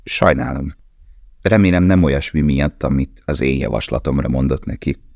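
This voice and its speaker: A man reading the part of a young male prisoner tattooist, earnest and gentle in a storybook. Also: very deep voice, gravelly, no room sound, highs cut off, exaggerated voice.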